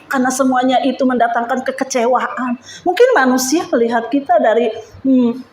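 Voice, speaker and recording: A woman's voice: on the high side, echoey room, slight background noise. A woman giving an emotional church testimony, speaking fervently and addressing the congregation directly.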